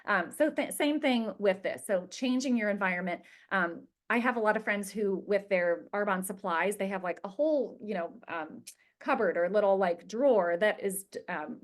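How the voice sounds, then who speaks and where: A woman's voice: mid-range voice, lively intonation, moderate pace. A middle-aged woman leading a group coaching session on habits, chatty and informal with lots of fillers. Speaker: wellness coach. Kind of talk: casual group coaching talk.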